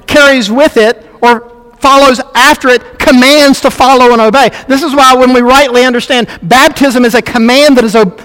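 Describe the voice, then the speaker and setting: A man's voice: extremely high pitch, fairly bright tone, big-room sound. A man preaching a sermon as a pastor, earnest and emphatic, repeating key words for stress.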